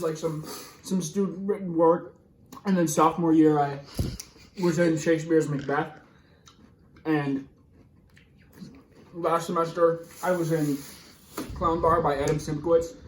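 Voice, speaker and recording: This young American vlogger in his twenties has a voice on the high side, answering interview questions in a candid, rambling, slangy way while spicy food burns his mouth and tightens his throat. The mic sits at a distance, picking up a little hiss or hum and a roomy echo.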